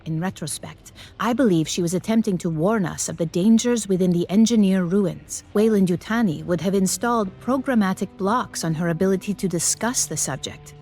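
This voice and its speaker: An actress playing a calm, formal female briefing officer in a video game, speaking in a precise, measured way. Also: mid-range voice, soft background music, natural voice. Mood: composed. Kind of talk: video game cutscene dialogue.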